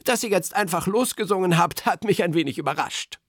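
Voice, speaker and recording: A man's voice: high voice, animated, fairly quick, fairly bright tone, dry recording, studio quality, voice pushed up, exaggerated voice. A man voicing a friendly, clueless grown-up mail carrier who is eager and a little self-important in a children's bedtime story. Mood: fussy.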